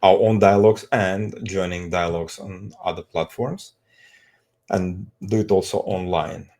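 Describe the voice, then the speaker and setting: A middle-aged man with an Azerbaijani accent introducing himself conversationally, speaking haltingly in non-native English phrasing. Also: sits low, steady tone, a little mellow. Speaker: street evangelist, co-presenter.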